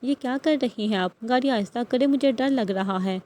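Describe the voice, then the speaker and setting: A woman reads a tearful, stubborn young wife in an audiobook novel, pleading and protesting. The voice is fairly high and mellow. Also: close to an everyday voice.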